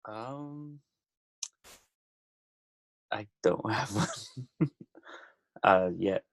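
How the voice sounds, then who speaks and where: A man taking part in an online class call, speaking in a hesitant, halting way. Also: lowish voice, lively intonation, creaky, no room sound. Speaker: course participant.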